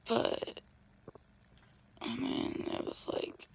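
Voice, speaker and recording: Lying in bed in her bedroom, a young woman vlogger whispers a video diary into her phone's front camera held at arm's length. She's in pain and groggy from just waking, her tired voice very slow and mostly unvoiced, with slight background noise.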